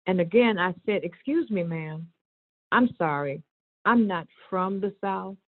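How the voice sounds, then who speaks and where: A woman's voice: medium pitch, expressive, unhurried. Earnest woman speaking over a tinny phone line. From Chicago, USA. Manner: earnest storytelling, acts out quoted exchanges. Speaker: reverend and board member. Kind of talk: personal testimony in an online discussion. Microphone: cell phone call-in.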